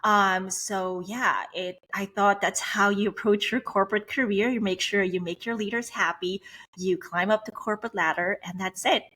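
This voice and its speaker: A woman's voice: medium pitch, steady tone, normal speed, a bit bright. A middle-aged woman from Switzerland, a business coach interviewed as a podcast guest, telling her story candidly. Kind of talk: conversational interview.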